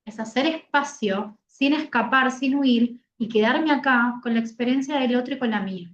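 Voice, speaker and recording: A woman with a Rioplatense Spanish accent, a therapist teaching an online class in a lively way, asking her students questions and acting out examples. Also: fairly high pitch, normal speed, roomy sound, lo-fi sound, a little hiss or hum. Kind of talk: online lecture.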